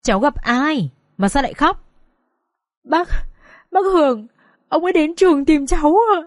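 A woman's voice: fairly high pitch, fairly quick, dry recording, studio quality, lightly acted. A woman voicing a tearful, frightened teenage girl who trembles and sobs, in a storybook reading. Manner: sobbing, trembling.

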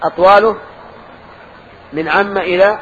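A man's voice: high voice, steady tone, normal speed, a bit bright. Older man teaching in a lo-fi mosque recording. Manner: quizzing students, correcting them, explaining. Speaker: religious teacher. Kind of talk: mosque lesson with questions to students. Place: mosque lesson circle. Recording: dull lo-fi lesson recording with faint noise.

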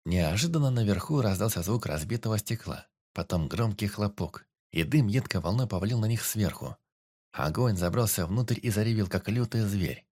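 A man narrating a dramatic story in a steady, measured reading. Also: lowish voice. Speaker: audiobook narrator. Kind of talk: scripted narration.

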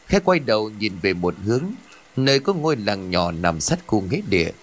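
A man's voice: lowish voice, sing-song, normal speed. A man narrating a ghost story in a dramatic, scripted storytelling manner. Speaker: audiobook narrator. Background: faint music.

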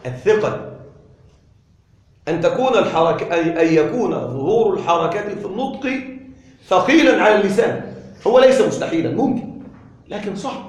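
A man with a high voice teaches grammar and keeps asking his listeners questions to check they follow. He repeats each point and stretches words slowly to demonstrate pronunciation. The room around him echoes. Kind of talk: classroom lesson.

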